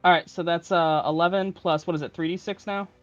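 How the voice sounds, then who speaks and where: A man's voice: on the high side, fairly even intonation, a bit bright, muffled recording, faint music behind. A man playing a tabletop game, bantering crudely and joking with his friends. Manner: joking, crude, quick with excuses. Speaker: player.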